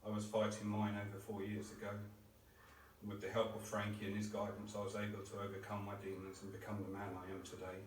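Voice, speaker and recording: Male eulogist, low flat voice, heartfelt reading, picked up from a distance in a roomy chapel. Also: fast, slight background noise. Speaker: relative giving a eulogy. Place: crematorium chapel.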